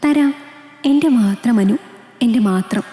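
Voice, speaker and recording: A woman's voice: a little high, a little slow, dark tone, lightly acted. Woman reader playing a teasing young man, affectionate, roomy reverb. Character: playful young man in love.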